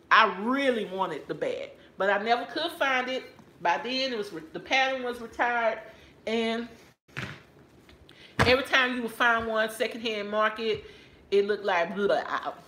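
This middle-aged woman with a Texan accent is unhurried as she tells her viewers about a handbag she found, chatting playfully and calling them "y'all" from her living room couch. Her voice is a little high, bright and forceful, heard in an echoey room, with a camera or phone on a stand framing her closely.

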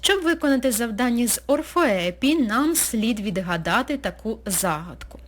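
A woman teacher narrating a recorded school lesson, speaking slowly and clearly as if dictating. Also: a little high, expressive. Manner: slow, clear, dictating pace.

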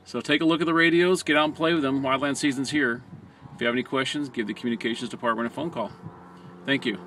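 An American man, a fire department communications trainer, narrates a hands-on training video, explaining each step plainly like an instructor. His voice is medium-pitched and fairly bright, with a steady tone and a quick pace. It was captured on a nearby handheld camera or phone, so the amateur audio carries noticeable background noise.

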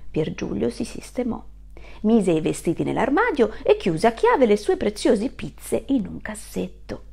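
Animated, gravelly woman reading a story. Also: medium pitch, a little slow. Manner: expressive, animated.

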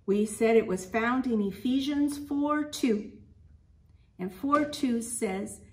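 A woman leading a children's Bible lesson, telling a story gently and asking the little ones questions. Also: on the high side, takes it slowly, breathy edge. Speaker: children's program leader.

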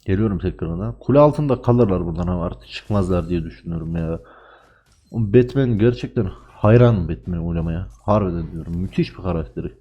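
A man commentating live on his own gameplay, excitable, swearing at and trash-talking his teammates. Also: low voice, a little fast, breathy edge, muffled recording. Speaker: gaming channel host.

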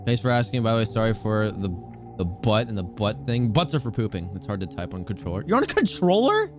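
A man's voice: on the low side, fast talker, over music. A man streaming a video game, chatting casually with viewers in a teasing, joking way and laughing often. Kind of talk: casual gaming stream chat.

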